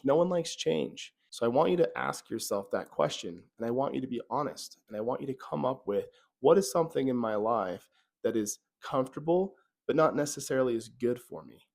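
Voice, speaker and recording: A man's voice: mid-range voice, animated, brisk, creaky, a little mellow. A man hosting a self-help video as a therapist, telling a story in an earnest, conversational way with occasional stammers.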